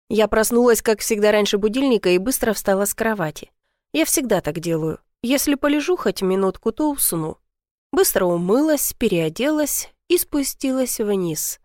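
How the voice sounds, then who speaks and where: A woman narrating a first-person story in an earnest, steady storytelling manner. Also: on the high side, no echo, studio quality.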